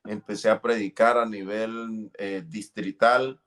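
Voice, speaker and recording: A man's voice: lowish voice, fairly even intonation, unhurried. A middle-aged man giving an earnest, fervent testimony in an interview. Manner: earnest, fervent, relives moments with cries and shouts. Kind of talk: emotional testimony.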